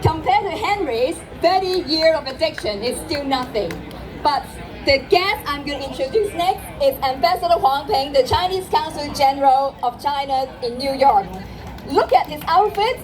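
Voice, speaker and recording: A woman's voice: sits high, lively intonation, normal speed. Upbeat woman speaking to an outdoor crowd. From Hong Kong. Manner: formal, upbeat, addressing a crowd. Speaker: festival speaker and trade office director. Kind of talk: public welcome speech. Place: outdoor festival by the water. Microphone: handheld microphone over a PA. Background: crowd noise.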